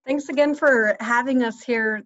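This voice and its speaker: A woman's voice: fairly high pitch, a little slow, no room sound. Earnest woman on a dull, dry call. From New Mexico. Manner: warm, earnest, with fillers like "you know". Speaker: policy advocate. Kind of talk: panel introduction on a video call. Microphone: video call. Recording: dull, lo-fi video call audio.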